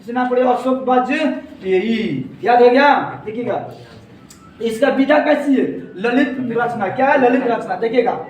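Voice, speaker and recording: A male teacher, giving a classroom lesson in call-and-response style, repeating key words slowly. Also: very high voice. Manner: asks and answers his own questions, repeats key words slowly. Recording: very echoey room, distant from the mic, faint noise.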